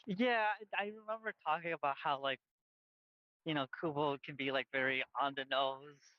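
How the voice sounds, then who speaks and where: Wearing headphones outdoors beside a busy street, a podcast co-host chats casually, rambling with lots of fillers and restarts. His voice is on the high side and smooth at a normal pace, in a dry recording with the highs cut off.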